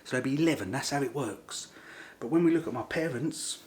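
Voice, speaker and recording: With a mid-range, slightly mellow voice and a brisk delivery, a middle-aged Englishman vlogs to camera in a casual, rambling way. He often repeats himself and speaks with informal working-class grammar.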